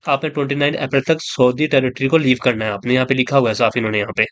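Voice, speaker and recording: A man talks through his explainer vlog in a loose, conversational way, circling back over his points and sprinkling in English words. His voice sits at an ordinary middle pitch. The sound is dry and close, with no room echo. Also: fairly even intonation, racing, a bit bright. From Pakistan. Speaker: vlogger. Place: in Saudi Arabia.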